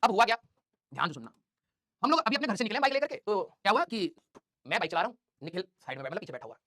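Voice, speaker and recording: A man's voice: high-pitched, very animated, rapid-fire, bright, forceful tone, dry recording, clean studio sound. A male teacher, telling his students a funny story about himself in a chatty, self-mocking way.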